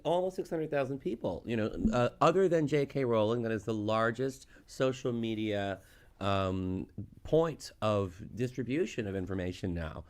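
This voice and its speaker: A man's voice: mid-range voice, lively intonation, normal speed, a little mellow. A man co-hosting a podcast, talking in a casual, conversational style. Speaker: podcast co-host. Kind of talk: casual chat.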